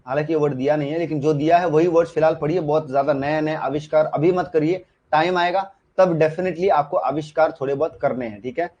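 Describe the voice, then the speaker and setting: A man's voice: on the high side, fast talker, hardly any pauses, darkish tone. A man teaching shorthand in a live online class, talking casually and often checking that students understand. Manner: chatty, repeats "ठीक है" and asks students if they understood. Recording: dull lo-fi sound.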